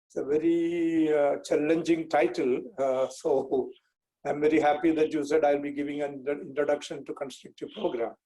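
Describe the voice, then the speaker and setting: A man in his sixties with a Malayalam Indian English accent from Kerala gives an explanatory online lecture as a guest speaker, on a video call from an indoor room with a bookcase. He speaks in a measured, deliberate way, repeating phrases for clarity, in a slightly high, mellow voice with fairly even intonation. The audio quality is poor.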